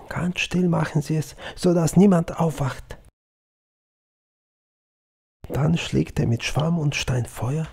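Slow gravelly male storyteller. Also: fairly high pitch. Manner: calm and measured. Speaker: audiobook narrator. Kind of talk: audiobook story narration.

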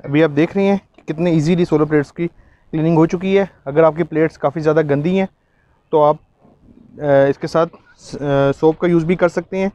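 Talking at a normal pace, a man with a Pakistani accent explains a product step by step in a live outdoor demonstration on a street and a rooftop. His fairly high voice is steady and mellow, though the audio sounds dull.

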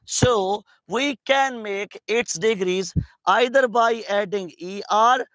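Slow, high-voiced Pakistani teacher. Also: male voice, fairly bright tone, dry recording, rough recording. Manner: slow, drawn-out English phrases with frequent quiz questions to students. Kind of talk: classroom lecture.

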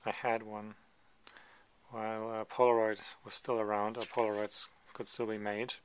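A man with a fairly low voice chats through a photo book page by page, loose and unscripted, pausing often on ums and wandering into asides. He sounds close to a camera mic at a table indoors, with a faint hiss underneath. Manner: relaxed, hesitant, many ums and digressions. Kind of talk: casual show-and-tell commentary.

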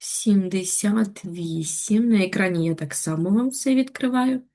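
A woman teacher giving a patient, step-by-step online lesson to young schoolchildren, with gentle reminders. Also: mid-range voice, lively intonation, brisk. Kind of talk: online Ukrainian lesson for children.

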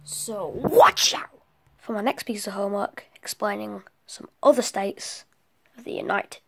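A woman's voice: medium pitch, measured pace, vocal fry. A woman giving a homemade geography presentation, chatty, breaking off into muttered self-corrections and whispered asides. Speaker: student presenting homework.

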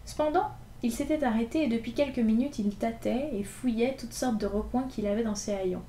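A woman reading a classic novel aloud in an expressive, lively storytelling manner. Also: a little high, fairly quick, slight background noise. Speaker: reader. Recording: echoey room with faint ambience.

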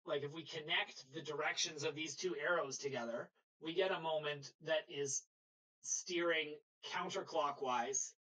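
Instructor, live online lecture, bright tone, patient explaining, computer mic. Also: medium pitch, rough recording. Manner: explanatory, patient, checks in with "okay?". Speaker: sailing instructor.

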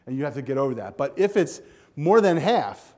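Before a seated audience of students in a hotel ballroom, an older keynote speaker delivers an energetic, direct speech in a mid-range voice that runs a little fast. He's animated, moving across the stage with a handheld clicker and a lapel mic.

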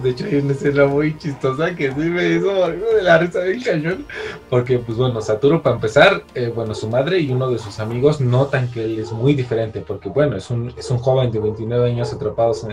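A young man with a Mexican accent in casual chat, reviewing a series, slangy and quick to laugh. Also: mid-range voice, a little mellow. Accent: Mexican Spanish. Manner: slangy, laughs often, restarts.

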